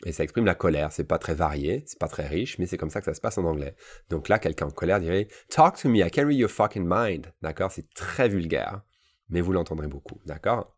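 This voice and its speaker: Deep-voiced male teacher, bilingual lesson, casual and repetitive delivery, checks in often. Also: husky. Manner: explains in French, models English phrases slowly and repeats them; casual asides with frequent "d'accord?" checks. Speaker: English teacher.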